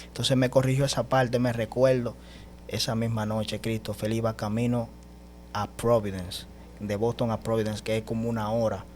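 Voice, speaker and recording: A man's voice: lowish voice, little pitch movement, normal speed, a little mellow. A man recounts his spiritual experience as an interview guest, speaking with emphatic conviction. He keeps turning to the host with a familiar "brother". A faint hum sits under his voice. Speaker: guest telling his testimony. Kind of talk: animated personal testimony.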